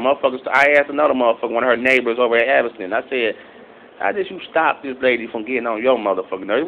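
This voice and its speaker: A middle-aged man ranting casually into his phone camera, profane and rambling, with loud outbursts and low mutters. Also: a little hiss or hum. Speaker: vlogger. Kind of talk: casual angry rant to camera. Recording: slightly dull phone recording.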